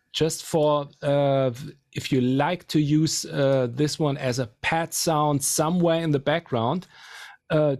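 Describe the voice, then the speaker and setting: A man demonstrating guitar amp settings, explaining in a halting way. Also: fairly high pitch, a little mellow. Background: faint guitar playing.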